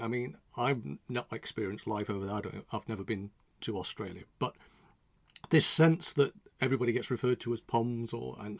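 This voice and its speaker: Man, mid-pitched, from England, rambling casual chat, dry recording. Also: no echo. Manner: rambling, self-interrupting, chatty. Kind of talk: casual chat about old comedy.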